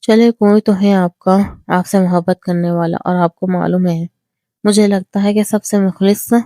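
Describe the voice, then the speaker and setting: A woman's voice: medium pitch, mellow, no echo, clean studio sound, lightly acted. A woman reading the part of a shy, grieving young woman in a storybook novel, speaking hesitantly and politely.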